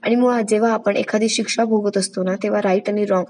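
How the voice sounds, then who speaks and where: A woman narrating as a stern, authoritative man of the house in a retold family serial, lecturing firmly. The voice keeps a middle pitch. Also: steady tone, fast, darkish tone, lightly acted.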